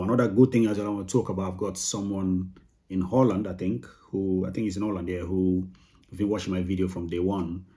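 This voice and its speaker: A man's voice: deep voice, mellow. A man with a Sierra Leonean accent hosts a video channel, chatting casually to viewers in an informal, rambling way with repeated phrases. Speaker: YouTube host of a property channel. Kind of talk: casual chat to camera.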